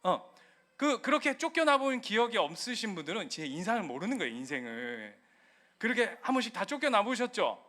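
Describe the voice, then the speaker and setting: A middle-aged male pastor delivers a lively sermon in a high, bright voice. His pitch leaps and dips with animation, and he keeps breaking into playful acted-out quotes of a child and a parent. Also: fairly quick.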